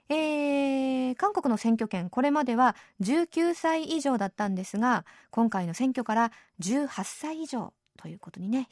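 A woman hosting a radio program in a chatty, easygoing way, often adding soft tag particles as she explains things. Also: on the high side, no room sound, clean studio sound. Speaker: radio show host. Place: radio studio.

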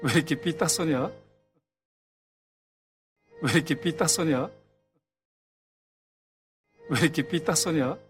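An actor playing a gentle middle-aged father who softly coaxes his sulky daughter, in a TV drama scene. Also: a little high, takes it slowly, pauses often, breathy edge, faint music behind, exaggerated voice. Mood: gently coaxing. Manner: soft, coaxing, chuckling fondly. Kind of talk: TV drama dialogue.

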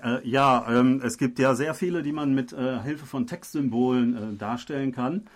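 Male radio co-host, halting and conversational, mid-pitched, heavy on filler sounds. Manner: hesitant, many filler sounds. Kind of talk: conversational explaining.

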